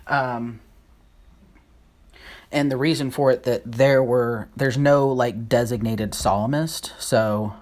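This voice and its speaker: A host giving a casual Bible lesson while writing on a board, halting and unsure of names, thinking aloud as they go. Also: mid-range voice, steady tone, darkish tone. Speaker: Bible study video host.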